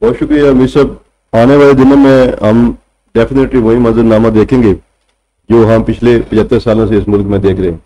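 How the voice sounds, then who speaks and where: A man's voice: medium pitch, steady tone, fairly quick, warm tone, rough recording. A male senior journalist with a Punjabi Urdu accent, arguing his points with rhetorical questions on a studio panel. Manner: argumentative, rhetorical questions to the host. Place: TV studio set. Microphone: table mic.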